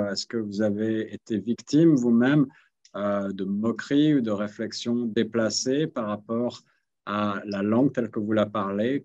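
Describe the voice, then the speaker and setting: A man's voice: on the low side, darkish tone, highs cut off. A man hosting a radio panel, posing long, carefully framed questions to the guests. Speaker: radio host.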